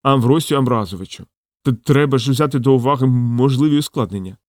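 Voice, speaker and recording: A man reading an audiobook, voicing a kindly old male wizard who stammers and talks slowly. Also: mid-range voice, dry recording, studio quality, close to an everyday voice. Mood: pleading. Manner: stammering, slow, gently exasperated. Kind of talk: audiobook character voice.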